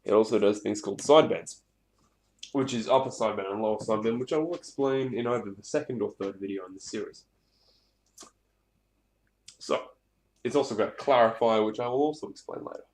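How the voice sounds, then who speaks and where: In an echoey room with clear background noise and clicks, a hobbyist presenter gives a casual, rambling, off-the-cuff demonstration of gear, swearing now and then. His voice is fairly low and a little mellow, and he talks a little fast with long pauses.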